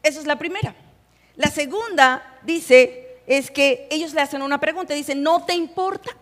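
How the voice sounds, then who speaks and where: Young woman pastor, high-pitched and animated, preaching live in a reverberant church hall. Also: moderate pace. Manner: animated, humorous, acts out quoted voices. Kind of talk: sermon.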